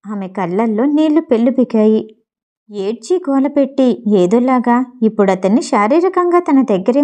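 A woman reads a story aloud with a steady, emotive delivery. Her voice sits a little high for a woman yet sounds mellow and warm rather than bright. The narration is scripted and even. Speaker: audiobook narrator.

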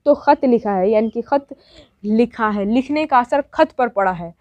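Woman teacher, grammar lesson, fairly high voice, repeats and answers own questions. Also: normal speed, mellow, dry recording. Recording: dull, dry lo-fi sound.

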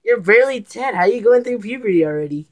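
A woman in casual, teasing banter over a card game, loud and quick to swear. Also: on the high side, animated. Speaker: vlogger playing a card game.

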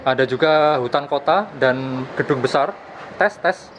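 At a measured pace and in a mid-range voice, a young man walks outdoors explaining a field test for a gadget review. His tone is casual and he repeats himself. A camera held at arm's length records him in open plazas, a park and streets, with plenty of outdoor noise.

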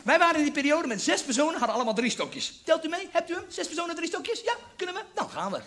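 A man's voice: extremely high pitch, sing-song, fast talker, sharp tone. A man telling a rambling, crude story as a stand-up comedian on a theatre stage before an audience. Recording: live show with audience laughter.

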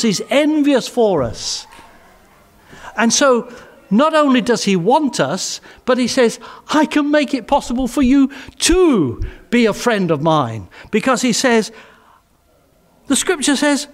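An older English-accented preacher delivers a sermon in a church hall through a headset mic, his voice extremely high. He is earnest and emphatic, often dropping into soft, quiet phrases.

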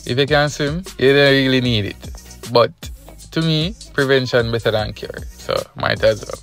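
A man's voice: medium pitch, normal speed. A young Jamaican man with a Jamaican accent, chatting casually into a phone held at arm's length while touring outdoors, upbeat and talkative, now and then breaking into song. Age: young adult. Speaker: travel vlogger. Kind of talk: casual travel vlog. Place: outdoors at a river and seaside park. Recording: outdoor phone audio under loud music.

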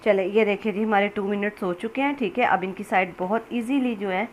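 A woman with a medium-pitched, steady, brisk voice narrates a recipe step by step in a casual, conversational, instructional way. She is a home cook who hosts a cooking channel, and the recording is clear, with background noise and kitchen ambience.

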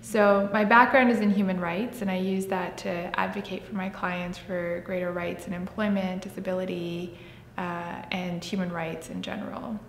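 A woman's voice: level tone, moderate pace. A woman in her thirties from Pakistan, answering interview questions in an earnest, fluent way. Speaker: program alumna, human rights worker. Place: indoor room with shuttered window. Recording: echoey hall-like room with faint rumble.

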